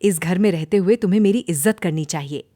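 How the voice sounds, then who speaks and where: A woman voicing a stern, nagging older mother-in-law with sharp, taunting lines in a cartoon story. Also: on the low side, fairly quick, no echo, studio quality, natural voice.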